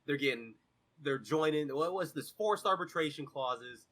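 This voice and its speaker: Husky guy w a higher voice, sarcastic profane rants on a gaming podcast. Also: lively intonation, moderate pace, fairly bright tone. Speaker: podcast co-host. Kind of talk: casual gaming podcast chat.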